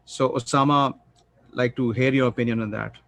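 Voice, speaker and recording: A man moderating a professional panel by video call, speaking in a measured, formal way with occasional filler pauses. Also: medium pitch, steady tone, gravelly, a bit bright, no room sound.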